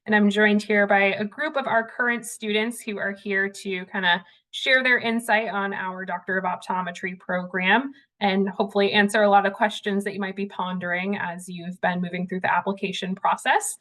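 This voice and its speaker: Casual woman moderating a panel. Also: medium pitch. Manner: casual, conversational, relaxed phrasing.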